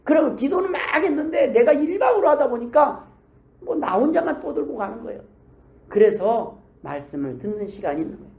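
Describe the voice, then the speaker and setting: A man's voice: extremely high pitch, sing-song, fairly quick, vocal fry, darkish tone. A male pastor giving a conversational sermon in a church, asking the congregation questions and acting out prayers in different voices. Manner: acts out prayers and replies in changing voices. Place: church sanctuary. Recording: roomy echo.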